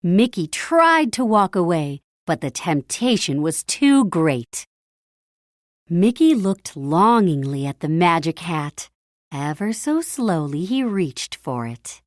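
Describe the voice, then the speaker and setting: A woman with a fairly low pitch serves as narrator for a children's story, reading in a spirited, melodic way. She goes at a measured, slightly slow pace, stresses key phrases dramatically, and the sound is dry without room echo.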